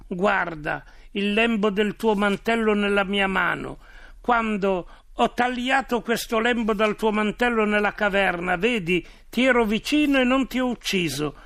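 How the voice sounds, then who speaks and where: A man reading aloud as a young fugitive who speaks to his king in a solemn, earnest plea, with the voice lifted a little above his usual talk. The tone is heavily gravelly and the sound is very dry and close. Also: sits high, a bit bright, dry recording, exaggerated voice. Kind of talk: scripture reading.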